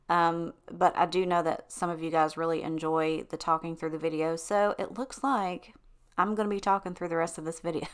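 A woman talks in a loose, rambling way, full of ums, likes and restarts. Her voice sits a little low for a woman, and she chats as if to a friend over her cleaning footage. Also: clear, resonant tone. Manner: chatty, rambling, self-interrupting with ums and likes. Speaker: cleaning vlogger.

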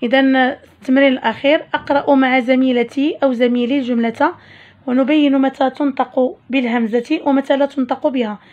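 Teacher, woman, high voice, patient step-by-step explaining, dull lo-fi sound. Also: steady tone. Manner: slow, explaining step by step with questions. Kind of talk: primary school Arabic lesson. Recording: dull lo-fi recording.

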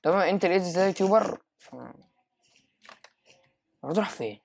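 A man with an Egyptian accent giving live gameplay commentary, excitable, jumping to loud high exclamations and mixing in English phrases. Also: fairly quick, vocal fry, husky. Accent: Egyptian Arabic. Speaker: gaming YouTuber.

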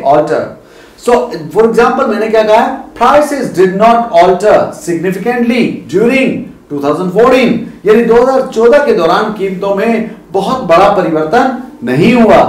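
High-voiced teacher, echoey room. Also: male voice, darkish tone. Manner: explains in Hindi, slowly spells out English examples. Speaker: English teacher. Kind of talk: vocabulary lesson.

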